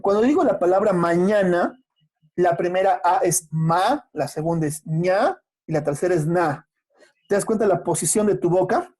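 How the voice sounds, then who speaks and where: A teacher explains a language lesson to a class. The voice is dark and mellow, at a middling pitch. The teacher stretches out individual sounds to show how they are said. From Peru. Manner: patient, explanatory, poses rhetorical questions and answers them; slows down to spell out sounds and letters. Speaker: secondary school language teacher.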